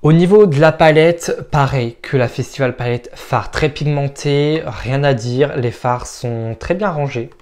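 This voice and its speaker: A man's voice: mid-range voice, measured pace, few pauses, darkish tone. A man giving a casual makeup product review, frank and opinionated, with frequent hesitant fillers. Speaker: makeup vlogger.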